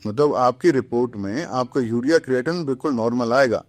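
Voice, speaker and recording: A man's voice: mid-range voice, brisk, no room sound, soft background music. A man who is a doctor, explaining kidney health earnestly on a podcast, switching between Hindi and English phrases.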